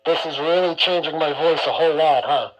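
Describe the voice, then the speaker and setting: A vlog host playing a goofy Godzilla, his voice run through a toy mask's voice changer that morphs its pitch. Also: brisk, highs cut off. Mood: goofing around. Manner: playful, goofy. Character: male Godzilla speaking through a toy mask. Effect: toy mask voice changer, morphing pitch.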